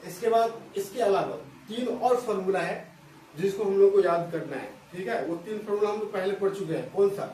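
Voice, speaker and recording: A man's voice: high-pitched, a little fast, warm tone. A man teaching a school maths lesson at a board, explaining step by step, repeating phrases and often checking whether students follow. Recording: echoey room from a distance, faint hiss.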